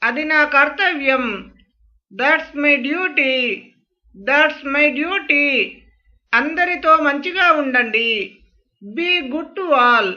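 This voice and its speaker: Slow, bright voice drilling short phrases. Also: sits high, lo-fi sound. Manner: says each English phrase twice, slowly and clearly. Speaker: spoken English teacher.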